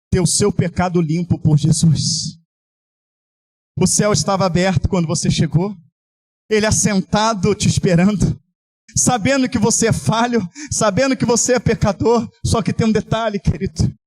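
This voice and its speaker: A Brazilian man preaching an impassioned altar-call sermon, often shouting and half-singing his pleas. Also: high-pitched, moderate pace. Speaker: pastor.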